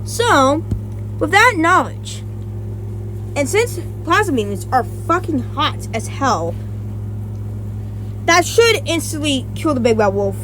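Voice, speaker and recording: This high-voiced woman, a YouTuber, breaks down a versus battle casually, speaking slowly with big swings in pitch and long pauses. A faint hum sits in the background while she rambles, stops to fix her wording, restarts frequently and drops an occasional swear word.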